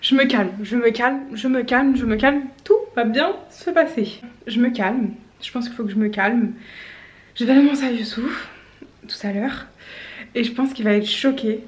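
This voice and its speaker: Young female vlogger, high-pitched, jittery, slips into whispers; casual chat. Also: normal speed. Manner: nervous, often whispering to the camera. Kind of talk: casual vlog.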